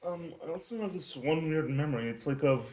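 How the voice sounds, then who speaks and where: A man's voice: on the high side, lively intonation, fairly quick, a little mellow, rough recording. Teen boy, school interview, hesitant with fillers, faint noise and clicks. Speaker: student interviewer.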